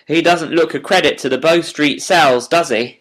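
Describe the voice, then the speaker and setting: A man's voice: on the high side, moderate pace, a bit bright, voice pushed up. A man voicing a hearty police inspector in an audiobook, emphatic and jovial, easily amazed. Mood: chuckling, hearty. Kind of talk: audiobook character voice.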